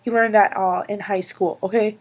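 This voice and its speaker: A woman's voice: mid-range voice, fairly even intonation, moderate pace. A young woman with a stuffy nose from a cold, chatting and ranting casually in a vlog, rambling and a little sarcastic. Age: young adult. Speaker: vlogger. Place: indoors, filming alone.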